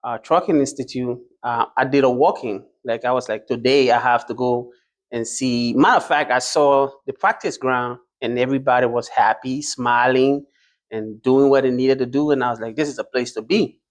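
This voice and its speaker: A man from Liberia answers questions in an interview, speaking at an ordinary middle pitch. He pauses often, fills gaps with "uh" and "um", and restarts his sentences. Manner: hesitant, many fillers and restarts. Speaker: interview guest, driving school graduate.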